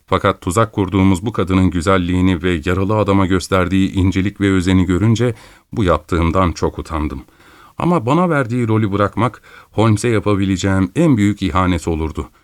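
Low-voiced male audiobook narrator. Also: clean tone, no echo, studio quality. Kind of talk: scripted narration.

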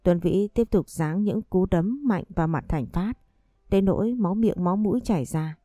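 A woman storyteller reading a scripted story in a calm, even way. Her voice is low and mellow, the recording dry and close, with faint music playing underneath. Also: moderate pace, no room sound.

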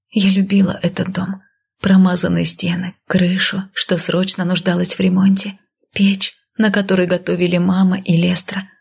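A woman narrating a story in first person as whispered role-play, slow and intimate. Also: mid-range voice, a little mellow. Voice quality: husky, gravelly whisper. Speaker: audiobook narrator.

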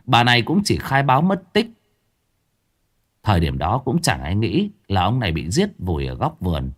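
Man telling a lively ghost story. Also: on the low side, normal speed, breathy edge.

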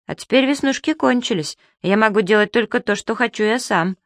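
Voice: medium pitch, brisk, dry recording, studio quality, voice pushed up, close to an everyday voice. A reader voicing a cheeky, gluttonous childlike male magic creature who talks in a chirpy, wheedling, pestering way. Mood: pleading.

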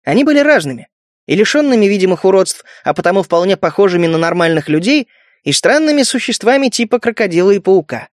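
A man narrating an audiobook in a steady storytelling manner. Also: high-pitched, fast talker, no room sound, clean studio sound. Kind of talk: scripted narration.

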